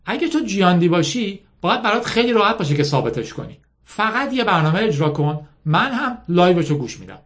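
A man's voice: sits high, big pitch swings, hardly any pauses, fairly bright tone, voice pushed up. A man doing a blunt, wary young ex-convict. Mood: challenging. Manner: cautious, blunt and skeptical. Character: wary blunt young male ex-prisoner called Tank.

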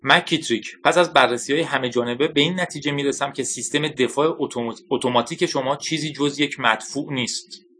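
Man voicing an angry general, scornful, bright edge, audiobook. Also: medium pitch, slight background noise, natural voice. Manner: angry, contemptuous. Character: furious hot-tempered male general.

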